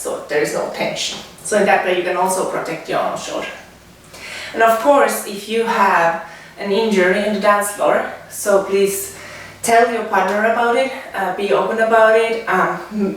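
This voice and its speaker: A Finnish woman with a Finnish accent leads an exercise demonstration as a dance and fitness instructor, speaking haltingly in short phrases broken by pauses. Her mid-range voice keeps a fairly even intonation. She's indoors at home, away from the mic, and the echoey room and distant mic leave faint noise in the recording.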